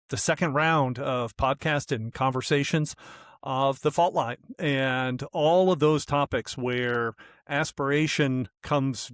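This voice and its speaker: A man's voice: medium pitch, dry recording, studio quality. A man co-hosting a business podcast, talking casually and thinking aloud with fillers and restarts. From US West Coast. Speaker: podcast co-host. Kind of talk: casual conversational podcast talk.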